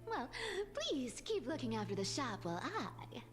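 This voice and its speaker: A woman playing a sly, playful thief with a hidden soft heart in a video game. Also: on the high side, sing-song, moderate pace, in a large hall, soft background music. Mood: sly, teasing. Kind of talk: dramatic video game voice acting.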